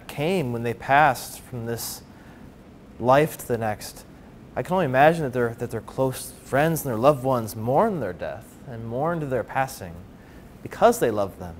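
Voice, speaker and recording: Thoughtful priest, faint rumble behind. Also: male voice. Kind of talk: conversational faith discussion.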